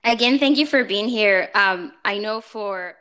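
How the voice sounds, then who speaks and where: A woman hosts an interview and asks long, rambling questions full of restarts. Her voice is bright and smooth, and her pitch sits in the middle. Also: a little slow.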